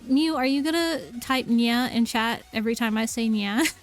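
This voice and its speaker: A woman's voice: on the high side, normal speed, faint music behind. A young woman streamer reading a novel aloud, tacking "yeah" onto nearly every sentence with giggly asides.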